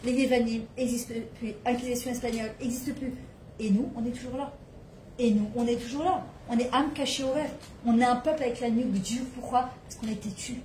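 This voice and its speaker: High-pitched woman preaching to a women's group at home, fired up, lots of rhetorical questions, echoey room. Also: fairly even intonation, brisk, mellow, slight background noise. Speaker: religious women's teacher. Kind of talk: spiritual talk to a women's gathering. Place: private home.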